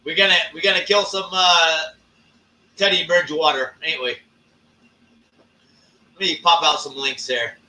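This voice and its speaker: A man hosting a live stream, talking casually and ranting with lots of swearing and drawn-out fillers. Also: fairly high pitch, steady tone, bright, forceful tone, distant mic. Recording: echoey room, off-mic.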